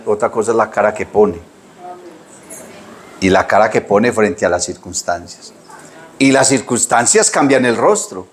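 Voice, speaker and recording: A middle-aged pastor delivers a sermon, telling folksy stories. His voice sits at a middle pitch but swings sharply upward when he mimics other people's words. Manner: lively storytelling preacher, pitch leaps when quoting people.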